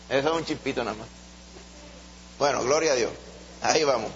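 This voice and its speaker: A man teaching a Bible study in a lively, storytelling way, in a muffled recording. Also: medium pitch. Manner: animated storyteller, acts out voices. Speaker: preacher. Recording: muffled recording with faint hum.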